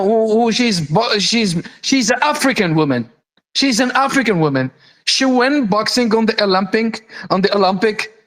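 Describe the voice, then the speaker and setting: A heated man calling in to a live audio room. His voice sits high, and he talks in bursts, repeating himself and tripping into restarts. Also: a bit bright, rough recording. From Algeria. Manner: heated, repetitive, stumbling restarts. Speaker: caller.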